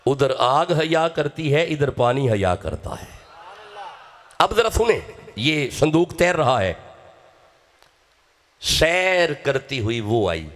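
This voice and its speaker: A man's voice: mid-range voice, big pitch swings, pauses often, a bit bright. A man from Pakistan with a Punjabi accent, preaching an emotional sermon, dramatic and urging his audience to respond.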